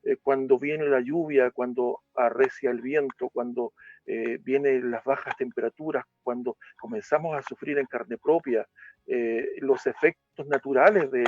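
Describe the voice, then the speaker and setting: A man giving a reflective faith talk that turns to a parable, pausing often with fillers. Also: medium pitch, steady tone. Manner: hesitant, many fillers. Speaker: speaker. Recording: dull lo-fi sound with music.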